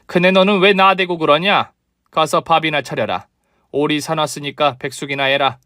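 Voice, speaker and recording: A man's voice: on the high side, fairly even intonation, moderate pace, bright, forceful tone, no echo, studio quality. A man doing a bossy, haughty mother-in-law. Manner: commanding, scolding. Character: bossy newly rich older mother-in-law, haughty and scolding.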